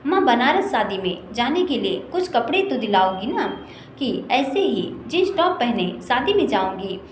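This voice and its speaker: A woman's voice: fairly high pitch, very animated, measured pace. A woman voicing a cheerful, playful young college girl who talks eagerly. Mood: lively. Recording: echoey room with faint noise.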